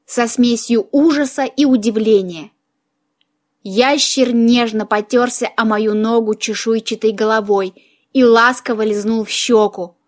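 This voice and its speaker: A woman narrating a humorous fantasy audiobook in first person, lively and playful. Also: on the high side.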